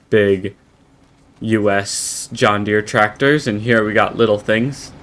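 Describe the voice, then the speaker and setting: An American man giving in-character roleplay commentary while playing a farming game, halting and rambling with many restarts. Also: lowish voice, a bit bright. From United States. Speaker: game roleplayer and channel host.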